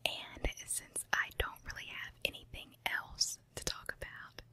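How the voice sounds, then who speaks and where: Female ASMR creator, fully whispered ear-to-ear delivery, intimate close recording, unhurried confiding ramble. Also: bright, forceful tone. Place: room at home with carpet and window. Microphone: handheld recorder with foam windscreen on tripod, very close.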